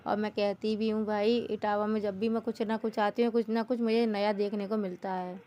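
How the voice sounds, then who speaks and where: A young woman from northern India talks viewers through her family vlog, chatty and easygoing, breaking into laughs. Her voice sits a little high for a woman. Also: mellow. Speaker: family vlogger. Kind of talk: casual vlog narration.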